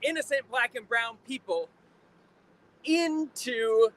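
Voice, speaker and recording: A man giving an impassioned protest speech like a preacher, emphatic and deliberate, repeating phrases for effect. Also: very high-pitched, fairly bright tone. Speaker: preacher, rally speaker. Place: outdoors at a rally in town. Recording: noisy outdoor urban recording, faint traffic.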